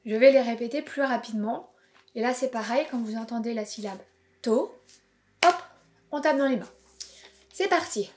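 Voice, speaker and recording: A woman, a preschool teacher giving a home-school video lesson to young children in a slow, clear, encouraging way. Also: fairly high pitch, darkish tone.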